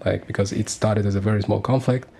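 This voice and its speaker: A man's voice: lowish voice, steady tone, fast, gravelly, warm tone, slight background noise. A man in his thirties from Sudan, speaking as a guest on a community radio interview, earnest and hesitant with many fillers and restarts. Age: 30s.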